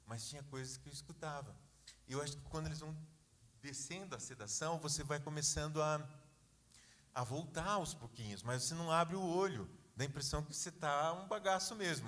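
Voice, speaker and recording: A man's voice: on the high side, fairly bright tone, in a large hall. A man preaching a sermon, telling a story in a conversational way with many asides. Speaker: pastor. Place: church.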